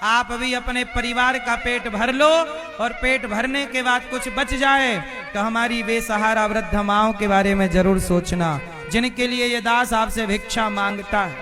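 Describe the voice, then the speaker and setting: A man's voice: very high-pitched, fairly even intonation, unhurried. A male spiritual preacher giving a devotional discourse to a crowd, firing rhetorical questions at the audience and hammering points home with emphatic repetition. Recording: violin music playing behind.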